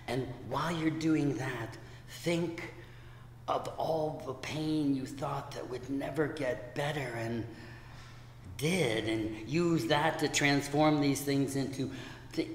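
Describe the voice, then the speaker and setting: A man's voice: medium pitch, slow pace, slight background noise. A middle-aged man performing spoken word poetry in a wry, playful manner. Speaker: poet. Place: community room, indoors. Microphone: stand mic. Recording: echoey room with long reverb.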